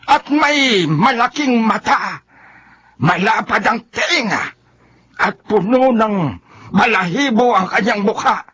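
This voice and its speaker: In a Filipino radio horror drama, a male actor with a Filipino accent plays a forceful, commanding folk healer who fights evil spirits. His voice is very high-pitched and slightly rough, and the emphatic delivery is heavily acted.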